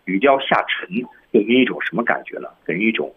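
A male guest teacher explaining English voice-over delivery, modelling lines with drawn-out stress, a little off-mic. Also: on the low side, lively intonation, husky. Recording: dull lo-fi radio sound, voice a bit off-mic.

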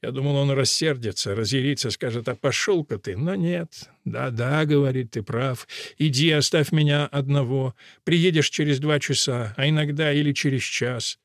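A man reading an audiobook, voicing a troubled male chauffeur who complains and moans in a hushed voice. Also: mid-range voice, moderate pace, hardly any pauses, no echo, clean studio sound, lightly acted. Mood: plaintive. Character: troubled male chauffeur confiding in a woman, plaintive.

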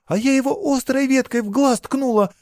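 A man reading a storybook voices a distraught young peasant girl who pleads in a high, strained voice. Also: moderate pace, a little mellow, no echo, studio quality. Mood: desperate pleading.

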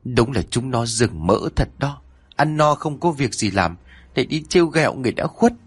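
A man voicing a shrill, scolding middle-aged village mother who rebukes her son fast and loud. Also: expressive, slightly rough, no room sound. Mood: indignant. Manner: shrieking, fast, wailing rebukes.

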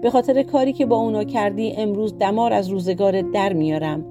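A woman's voice: medium pitch, over music, lightly acted. A woman voicing a fierce, vengeful old witch who is the mother of giants, cursing and threatening in a storybook reading.

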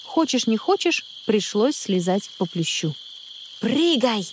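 Brief: female storybook narrator, mid-pitched, lively melodic reading. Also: moderate pace, slight background noise. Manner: expressive, animated storytelling. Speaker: audiobook narrator. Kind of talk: scripted narration of a children's story.

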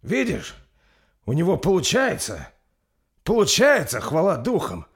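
Loyal male warrior, voiced by a man, emotional, loud, high-pitched, audiobook story. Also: big pitch swings, moderate pace, slightly rough. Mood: relieved. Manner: emotional, shouting.

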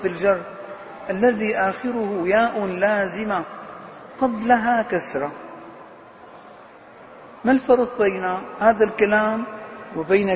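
High-voiced man teaching grammar in a hall. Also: a little hiss or hum. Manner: asks questions and answers them himself; repeats key words slowly for emphasis. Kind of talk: classroom grammar lesson. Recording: dull lo-fi recording with long reverb in a hall.

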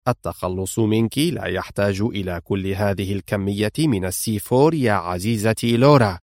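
A man doing a cold, low-voiced spy mastermind. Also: a little fast, dry recording, studio quality, natural voice. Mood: cold, commanding. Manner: calm, clipped and menacing.

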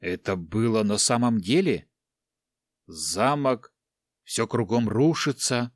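A man's voice: fairly low pitch, animated, takes it slowly, dry recording, studio quality. A man voicing a timid, bookish young monk who speaks in an anxious, prim and defensive way in an audiobook. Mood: bewildered.

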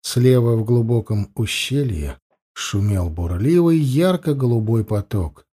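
A man reading a fantasy novel aloud as an audiobook narrator, calm and measured. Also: mid-range voice. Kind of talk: scripted narration.

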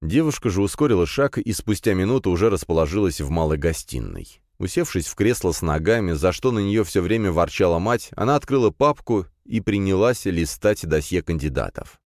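A man narrating an audiobook in a measured, expressive way. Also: sits low, no room sound, clean studio sound. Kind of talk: scripted narration.

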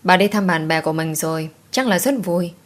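Storybook role: gentle grieving father, soft and apologetic, voiced by a woman narrator. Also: fairly low pitch, fairly quick, lightly acted. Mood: tender.

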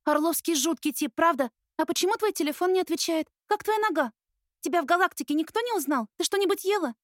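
A woman narrator plays a bubbly, stubborn young student for an audiobook, pushing her voice very high and girlish as the character chatters excitably. The delivery is quick, eager and worried, recorded close and dry with no echo.

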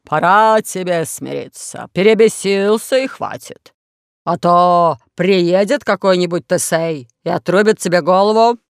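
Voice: mid-range voice, a little slow, gravelly, clean tone, no echo, studio quality. A reader voicing a pompous crowned king in an audiobook, scolding theatrically. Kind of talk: audiobook character voice.

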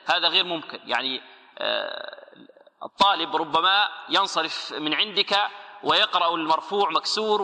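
A man teaching Quran recitation rules. He asks questions, answers them himself, and slowly models each word and its common mistakes. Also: on the high side, pushed and bright. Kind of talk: tajweed lesson. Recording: echoey hall with long reverb.

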